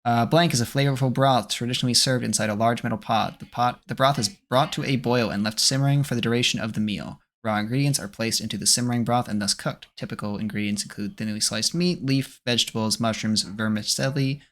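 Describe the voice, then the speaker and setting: A man at a podcast table reading out quiz clues in an easygoing, conversational manner. His voice sits at an ordinary middle pitch, with nothing pushed or performed. He sounds like a regular host keeping a casual chat moving. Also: brisk, few pauses. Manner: reads clues aloud, relaxed and chatty. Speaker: podcast co-host running a food guessing game.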